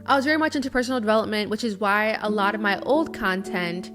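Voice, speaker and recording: Over background guitar music, a woman in her early 20s talks fast at a medium pitch. She's a lifestyle vlogger giving a casual, confessional, earnest chat to camera, with frequent "you know"s.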